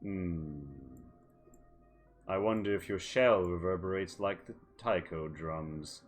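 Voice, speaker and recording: Man as a slow, sly, taunting wolfish creature. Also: low voice, fairly even intonation, slight background noise. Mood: menacing. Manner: taunting, formal. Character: sly, predatory wolfish woodland creature with a grin. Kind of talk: tabletop role-play in character.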